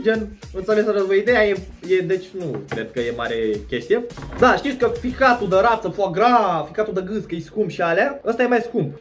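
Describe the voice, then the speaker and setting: Young man, high-pitched voice, joking and slangy, faint music behind. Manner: joking, exaggerated, slangy, addresses viewers directly. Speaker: vlogger. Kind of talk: casual food taste-test vlog. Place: at home indoors.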